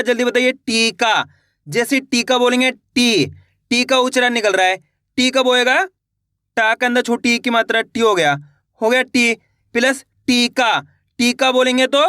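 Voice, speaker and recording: A male teacher with a very high voice that sounds bright and crisp leads a beginners' lesson. He asks each question and answers it himself, drawing words out slowly. The recording is dry and close, with no room sound. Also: dry recording. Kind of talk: spoken Hindi writing lesson.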